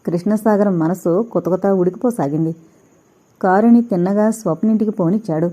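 A woman reading a novel aloud as an audiobook narrator, with steady, expressive storytelling. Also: mid-range voice, normal speed. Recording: dull lo-fi recording.

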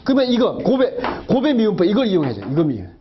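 A middle-aged male math teacher with a high voice that swings widely up and down as he talks. He jokes and fires rhetorical questions at his class. The recording is muffled and lo-fi, with a faint hiss underneath. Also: sing-song, racing. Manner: chatty, jokey, talks to students with many rhetorical questions. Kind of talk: lecture.

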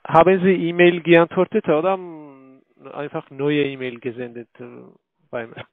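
A man who is not a native German speaker, talking haltingly on a phone call with many filler sounds and broken grammar. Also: fairly high pitch, fairly even intonation, no room sound. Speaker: scam call center agent. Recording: tinny dry phone line.

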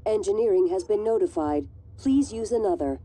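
An actress voicing a calm female ship computer in a video game, giving even, measured automated announcements. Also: mid-range voice, noisy background, lightly acted.

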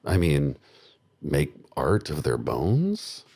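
A middle-aged man performs a darkly comic, macabre stage monologue before a live audience in a small dark theatre, musing deadpan and chuckling to himself. He holds the microphone close to his mouth, and his very deep, creaky voice draws out his words.

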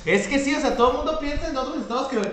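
A man's voice: very high-pitched, rapid-fire, a bit bright. A man from Veracruz with a Veracruz Mexican accent, chatting casually and animatedly on a stream, using slang. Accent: Veracruz Mexican Spanish. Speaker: streamer host. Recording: echoey room with faint noise.

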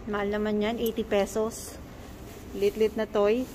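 This family vlogger mom, a Filipino woman in her thirties with a matching accent, speaks in a mid-range, level voice at normal speed. She coaxes her children in English and Tagalog while filming on a handheld phone camera inside a shopping mall, and the recording is noisy with mall sounds.

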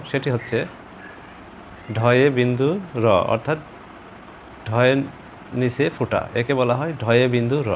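A man teaching a pronunciation lesson in a calm, measured way. He slows down and repeats each example word so it can be copied. Faint insect and cricket sounds hum in the background. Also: medium pitch. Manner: slow, deliberate, repeats example words for practice. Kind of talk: instructional video lesson.

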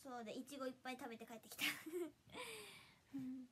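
A giggly young woman with a Hiroshima accent chats on her livestream, reading out viewers' comments. Her voice sits high and sounds bright and sharp. She is bubbly and laughs often between sentences. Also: big pitch swings, normal speed, a little hiss or hum. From Hiroshima, Japan. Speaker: idol livestreamer.

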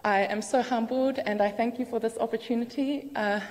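A woman's voice: fairly high pitch, steady tone, moderate pace. Teary young woman, gracious speech. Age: 20s. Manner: warm, gracious, humbled. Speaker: award recipient. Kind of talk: acceptance speech. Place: large hall on stage. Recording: long hall reverb.

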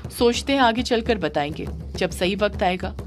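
A woman's voice: mid-range voice, animated, moderate pace, faint music behind, lightly acted. Woman voicing a grieving young man. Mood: sorrowful. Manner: sorrowful inner monologue, quiet.

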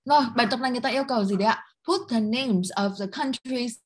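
A woman English teacher with a Vietnamese accent who goes through a textbook lesson. She reads the English slowly, explains quickly in Vietnamese and asks the class questions. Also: fairly high pitch.

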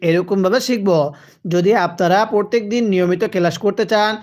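A woman with a Bangladeshi Bengali accent teaching Quran letter reading, drilling slow call-and-repeat syllables for her class. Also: mid-range voice, darkish tone. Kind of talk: slow drilled recitation lesson.

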